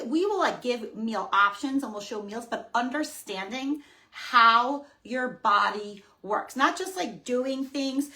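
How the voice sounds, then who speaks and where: Energetic woman fitness coach co-hosting a casual coaching webinar. She talks emphatically, pushing her points hard and tagging lines with quick check-ins to the listeners. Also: on the high side.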